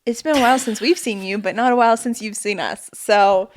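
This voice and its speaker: A woman's voice: fairly quick, slight background noise. A young woman co-hosting a podcast in casual, comedic chat, irreverent and sweary as she riffs. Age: young adult. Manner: sweary, irreverent, riffing in mock pitches. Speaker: podcast co-host.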